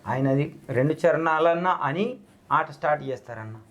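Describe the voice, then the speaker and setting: A middle-aged man from Telangana, a folk singer with a Telangana Telugu accent, speaking humbly and quickly and singing devotional verses slowly. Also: dull audio. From Telangana, India. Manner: rapid and humble, singing slow and high. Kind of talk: village interview chat, then devotional folk song.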